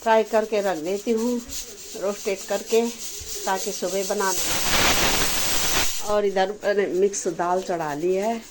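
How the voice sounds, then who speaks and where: A middle-aged woman chatting casually to viewers in a home vlog from her kitchen and rooftop, loudly scolding her dog at times. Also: medium pitch, steady tone, measured pace, long pauses, very noisy. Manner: chatty, addresses viewers as friends. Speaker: vlogger.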